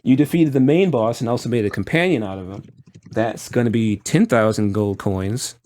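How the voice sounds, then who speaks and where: A man working as game master, narrating a tabletop roleplaying game in a halting, piecemeal way. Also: medium pitch, a little mellow.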